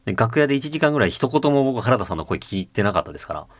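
A man hosting a casual chat, relaxed and joking as he leads the talk. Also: medium pitch, very fast, dry recording. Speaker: host. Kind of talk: casual chat recapping a tour.

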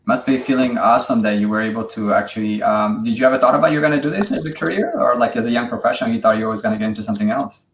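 A man hosting a podcast in casual chat, friendly and halting with many fillers. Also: mid-range voice. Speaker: podcast host. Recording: echoey room with faint noise.

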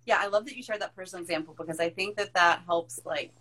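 Brief: woman host, therapist type, casual and animated, peppers speech with "like" and the odd curse. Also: on the low side, fast talker, low-quality recording. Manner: animated, frequent "like", swears for emphasis. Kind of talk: casual conversation.

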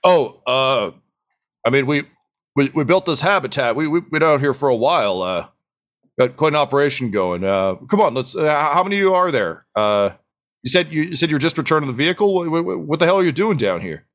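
A man voicing a jumpy, friendly male dwarf guard who stammers and gets excitable. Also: a little high, fairly quick, voice pushed up. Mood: wary.

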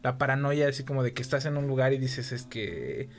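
A man's voice: mid-range voice, a little fast. A man with a Mexican accent chatting casually as a podcast co-host, rambling and profane with lots of fillers. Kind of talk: casual chat.

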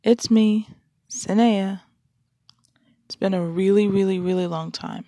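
A woman's voice: mid-range voice, fairly even intonation, measured pace, warm tone, no echo, studio quality. Casual woman podcaster reading a story. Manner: casual, apologetic, chatty. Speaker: podcast host and story reader. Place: shared home.

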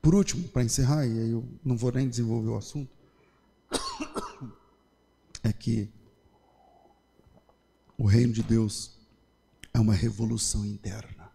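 A male pastor with a Brazilian Portuguese accent preaching, moving between loud fervent passages and quiet storytelling. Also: medium pitch, fairly even intonation, unhurried, creaky, pauses often, long reverb tail. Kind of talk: sermon.

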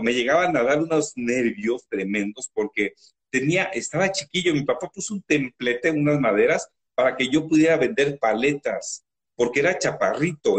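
A man with a Mexican accent, a guest in an interview, telling stories from his life in a loud, animated, emotional way. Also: fairly high pitch. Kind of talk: emotional storytelling.

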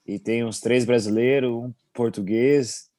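This is a relaxed young man from Brazil, a goalkeeper. His voice is warm and mellow, recorded dry and close. He chats loosely with plenty of fillers and quick laughs. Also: medium pitch, dry recording. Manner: relaxed, chuckling, many fillers. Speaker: goalkeeper abroad, interview guest. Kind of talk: casual interview chat.

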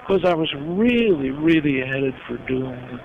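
An older man from New York telling personal stories as an interview guest, reflective and heartfelt, pausing often. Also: medium pitch, expressive, a crowd in the background. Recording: dull lo-fi sound with clear background noise.

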